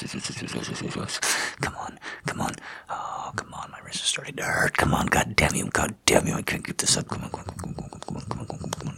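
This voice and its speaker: A woman whispering close and intimately, her voice husky and full of breath. Under the whisper there is a gravelly, crackling texture, with a bright, sharp edge at the front of it. She teases and gives commands, urging her listener on over and over. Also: a bass voice. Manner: teasing, commanding, repetitive urging. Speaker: audio roleplay performer. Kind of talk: whispered intimate audio roleplay.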